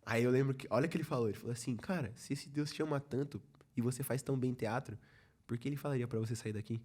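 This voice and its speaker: A man's voice: medium pitch, racing, a little mellow. A young Brazilian man who leads a church youth ministry, telling his personal testimony as a guest in a casual podcast chat and acting out the quoted dialogue as he goes. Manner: storytelling, acts out quoted dialogue, many "falei assim" asides.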